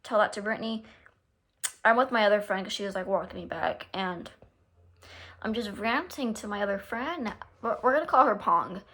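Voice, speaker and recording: A young adult woman telling a story in a casual vlog, animated and swearing freely as she acts out what people said. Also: mid-range voice, normal speed. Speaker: vlogger.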